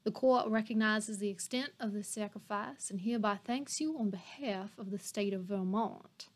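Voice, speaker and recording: A woman voicing a grave male courtroom judge with a put-on Georgia accent, speaking in slow, measured formal address during an audiobook read-aloud. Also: medium pitch, close to an everyday voice. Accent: put-on Georgia drawl.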